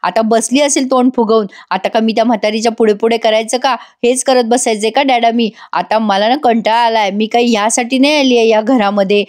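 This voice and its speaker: A woman voicing a scheming young wife in a brisk, dismissive tone while recounting a TV serial. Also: fairly high pitch, fairly even intonation, a little mellow, lightly acted. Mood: scornful. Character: scheming young wife, sly and sharp-tongued.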